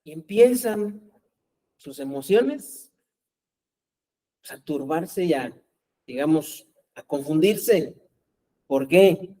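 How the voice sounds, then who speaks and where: A man's voice: fairly high pitch, dark tone, poor audio. A man preaching a sermon as pastor, talking conversationally and often asking his congregation rhetorical questions.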